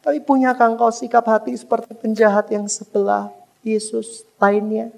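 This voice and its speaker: High-voiced gravelly male preacher. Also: little pitch movement, moderate pace. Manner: impassioned, rhetorical questions, builds to loud emphatic peaks. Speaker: pastor. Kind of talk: sermon. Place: church before a congregation.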